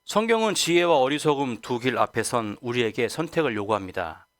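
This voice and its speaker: A man's voice: mid-range voice, animated, fairly quick, fairly bright tone, dry recording. A male pastor preaching a Sunday sermon who asks the congregation rhetorical questions and acts out quoted voices. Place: church sanctuary.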